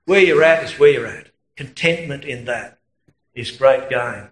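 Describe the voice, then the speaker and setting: A man's voice: mid-range voice, unhurried, roomy sound, low-quality recording. A man with an Australian accent preaching a sermon in a conversational way, telling anecdotes and chuckling at his own stories.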